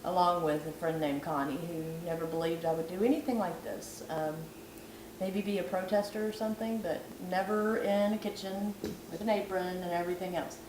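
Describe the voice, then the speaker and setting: In a nighttime kitchen, a woman vlogger with a fading voice talks through a cooking tutorial, joking at her own expense. She's a little fast, lowish in pitch, with fairly even intonation. Audio is echoey and noisy, recorded well away from the camera.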